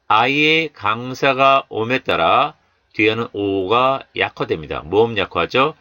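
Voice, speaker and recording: A man teaching English pronunciation of Bible verses, stretching out model words slowly and explaining calmly. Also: mid-range voice, no echo.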